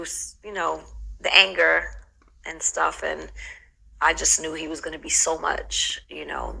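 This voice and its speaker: Low gravelly woman telling a story. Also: sharp tone, slight background noise, poor audio. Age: middle-aged. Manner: reflective, heavy with "you know" fillers. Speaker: interview guest. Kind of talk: casual storytelling interview.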